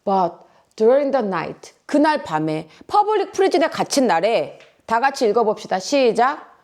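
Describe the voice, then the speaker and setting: Woman, middle-aged, pastor, sermon, fairly high voice, very lively pitch, questions the congregation, mixes in English words. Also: measured pace.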